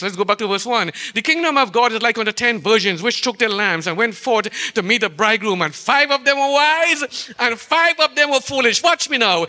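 A man's voice: very high voice, sharp tone. A man with a Trinidadian accent preaching a sermon in a church, asking rhetorical questions and stretching out key phrases for emphasis. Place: church sanctuary. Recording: long church-hall reverb.

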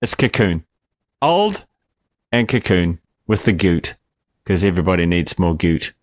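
A man trading jokes on a film review podcast, rambling with lots of fillers and the odd curse. His voice sits fairly low. The sound is dry and close, with no room echo. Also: big pitch swings, a little slow. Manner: joking, rambling with fillers and swearing. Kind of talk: casual banter.

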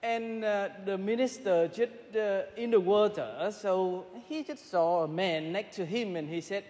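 A man, a priest, reading the Gospel and then preaching a homily, in a measured, pausing way with frequent hesitations, his voice carrying in a church with a cathedral-like echo. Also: high voice, a little mellow. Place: large church. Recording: long reverberant church hall.

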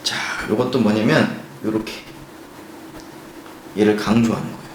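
A male teacher walks through an English grammar lesson at a measured pace. He asks his class rhetorical questions and reads the English examples slowly and carefully. The sound carries a roomy echo over a faint background hum. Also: lowish voice, fairly even intonation. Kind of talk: recorded grammar lecture.

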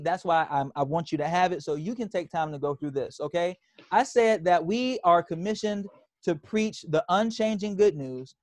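A man preaching a sermon, his voice sitting a little high for a man. He drives points home by repeating phrases and calling for the congregation's response. The sound is close and dry. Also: no echo. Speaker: pastor.

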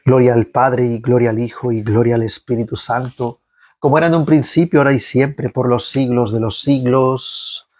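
A prayer leader guides listeners through a recited rosary, reading psalms slowly and devotionally and leading the responses. His medium-pitched voice holds a steady, slightly mellow tone.

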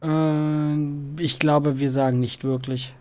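A man's voice: fairly high pitch, flat delivery, slow pace, darkish tone. Easygoing man commentating a game. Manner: thinking aloud, easygoing. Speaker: Let's Play streamer. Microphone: headset.

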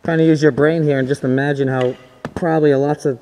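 With a fairly high, steady voice and a darkish tone, a young man narrates fairly quickly in a low-quality recording. He's exploring a large abandoned resort building indoors, handheld camera in hand, casually speculating about each room's past use and readily impressed.

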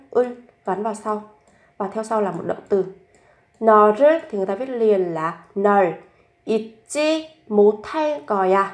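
A young adult woman gives a patient language lesson. She explains grammar points step by step and repeats each example sentence slowly so learners can follow. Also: mid-range voice. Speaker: Korean language teacher.

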